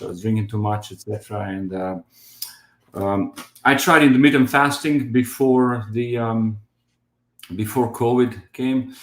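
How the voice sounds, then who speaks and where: A guest from Croatia in his fifties shares his diet story in a casual testimonial. He is hesitant, with many fillers and restarts, and his fairly low voice sounds reverberant.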